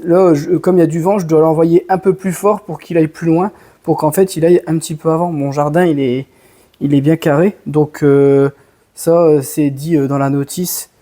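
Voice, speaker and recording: A man's voice: on the high side, fairly even intonation, moderate pace, dark tone, no echo. A man from France giving a casual, enthusiastic product demo in his garden, full of slang. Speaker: home and garden vlogger. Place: outdoors in a garden.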